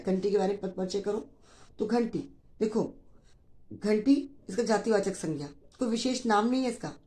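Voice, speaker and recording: A Hindi teacher with a mellow, medium-pitched voice gives a grammar lesson to school students. She explains patiently and repeats key phrases.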